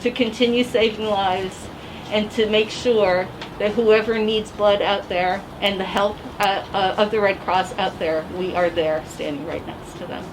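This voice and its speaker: A woman's voice: medium pitch, steady tone, measured pace, noisy background. A woman giving a heartfelt, earnest speech while presenting and accepting an award. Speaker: award recipient.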